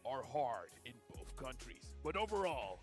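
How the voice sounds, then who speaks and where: A man putting on a deep, dramatic movie-trailer narrator voice, speaking slowly and portentously. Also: very animated, faint music behind. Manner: slow, low, portentous delivery.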